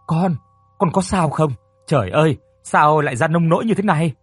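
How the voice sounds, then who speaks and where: A man's voice: mid-range voice, lively intonation, normal speed, a bit bright, breathy edge, no echo, faint music behind. A man voicing a worried middle-aged mother who fusses and pleads over her injured daughter. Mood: anxious. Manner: anxious, fussing, pleading.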